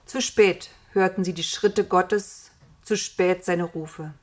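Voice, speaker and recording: A woman narrating a children's story in a calm, expressive storytelling manner. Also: lowish voice, takes it slowly.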